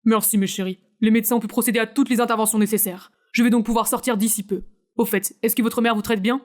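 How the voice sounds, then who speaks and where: A gentle, recovering father in an animated family story, his voice lowered and calm, as a woman narrator plays him. He speaks with a reassuring tone and a brisk pace. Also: lightly acted. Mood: relieved. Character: gravely ill middle-aged father in hospital.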